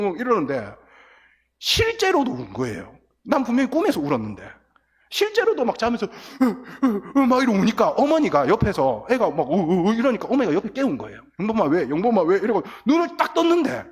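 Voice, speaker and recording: A very high, slightly rough voice belongs to this middle-aged guest pastor, who preaches to teens in a sanctuary with energetic storytelling, acting out tears and quotes. The recording was taken from the booth through the church sound system, with long reverb from the hall.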